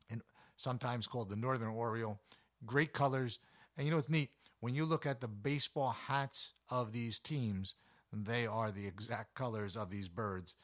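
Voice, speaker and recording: Chatty deep-voiced man. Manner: chatty, enthusiastic, with frequent fillers. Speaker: nature show host. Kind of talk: casual talk about backyard birds.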